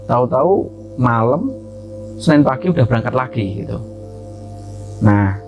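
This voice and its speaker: Give me a low-voiced man with a soft, dark tone telling a spooky story in a relaxed, rambling way. He sounds like a host chatting with regular viewers, not like someone reading a script. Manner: chatty, loose, frequent fillers and asides. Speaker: horror story channel host. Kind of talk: casual storytelling narration.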